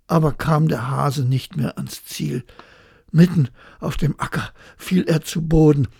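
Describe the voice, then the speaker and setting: A storyteller reads a bedtime fairy tale in a gravelly, very husky voice, with lively rises and falls in pitch. The reading is expressive and carries the story along. It is recorded close and dry. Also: dry recording.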